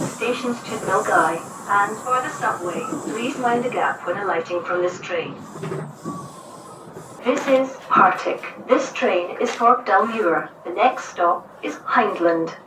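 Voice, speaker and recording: A woman giving measured, formal station announcements over a train's intercom. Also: medium pitch, noisy background. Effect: played over the train's intercom. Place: inside a moving train carriage. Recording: echoey onboard speaker heard from a distance.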